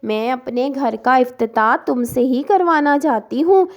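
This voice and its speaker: A woman voicing a scheming, sweet-talking female kite bird in a cartoon story, coaxing her prey with gushing flattery. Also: high-pitched, measured pace. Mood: flattering.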